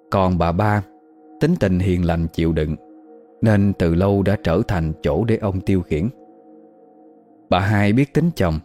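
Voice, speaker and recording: A man narrating a scripted horror story in a steady, measured way. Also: deep voice. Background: faint music.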